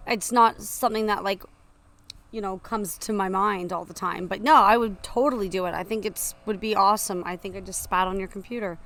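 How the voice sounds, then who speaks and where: A woman in her twenties co-hosting a podcast, chatting breezily with quick asides. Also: mid-range voice, a bit bright. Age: 20s. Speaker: podcast co-host. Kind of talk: casual chat.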